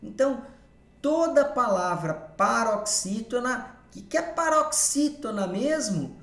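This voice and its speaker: A woman's voice: mid-range voice, creaky. A woman teacher explaining grammar rules step by step, often checking that her students are following along. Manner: patient, checks in with listeners often. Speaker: Portuguese teacher. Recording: echoey room.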